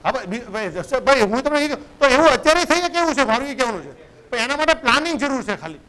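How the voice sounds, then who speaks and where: High-voiced man coaching. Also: very animated, fast, bright, forceful tone, poor audio. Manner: conversational, keeps asking "right?" to check in. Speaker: photography business coach. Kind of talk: motivational business lecture.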